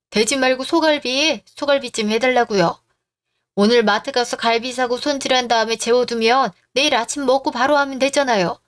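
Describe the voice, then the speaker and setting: A woman's voice: a little high, close to an everyday voice. A woman voicing a bossy middle-aged mother-in-law. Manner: bossy and indignant.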